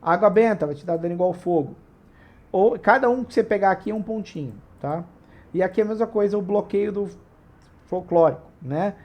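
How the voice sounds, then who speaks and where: A man's voice: high-pitched, fairly quick, darkish tone. A man with a Brazilian Portuguese accent, hosting a tabletop RPG channel and explaining rules in a casual, digressive way with frequent tag questions.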